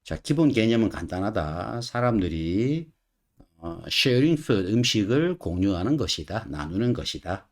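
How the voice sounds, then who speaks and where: A man's voice: on the low side, very animated, a little slow. A man teaching English grammar in a video lecture, working through textbook sentences and asking the viewers rhetorical questions.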